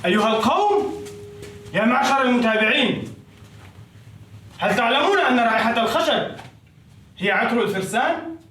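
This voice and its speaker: A man's voice: very high-pitched, lively intonation, normal speed, pauses often, fairly bright tone. A man playing a grandiose, self-styled Andalusian craftsman and poet who speaks in lofty formal phrases with Spanish greetings. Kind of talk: comedy sketch acting. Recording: echoey room, voice from off-mic.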